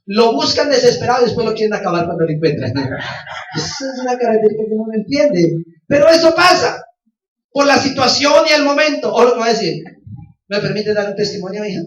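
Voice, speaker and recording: A man's voice: sits high, animated, fast. A man preaching as a pastor, telling a personal testimony with passion and often calling out to his listeners. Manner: impassioned, repeats phrases and keeps calling out to his listeners. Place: church. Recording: roomy, distant and dull church recording.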